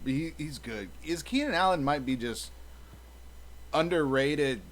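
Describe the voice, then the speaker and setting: A man's voice: a little high, expressive, measured pace. A young man hosting a casual fantasy football chat, easygoing as he moves from segment to segment. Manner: easygoing, leads segments with set prompts. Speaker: fantasy football show host.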